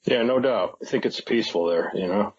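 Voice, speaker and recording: A man speaking as a podcast guest, in a low, husky voice. He speculates tentatively and often stops to restart his thoughts, and the audio sounds dull and lo-fi. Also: fairly quick, darkish tone. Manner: tentative, speculative, many hesitations. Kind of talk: casual podcast interview.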